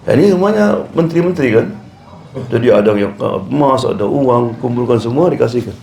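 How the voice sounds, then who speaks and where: Storytelling preacher with a gravelly voice. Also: male voice, medium pitch, animated, fairly quick, darkish tone. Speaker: imam giving a religious talk. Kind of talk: sermon. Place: community hall. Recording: echoey room with faint background noise.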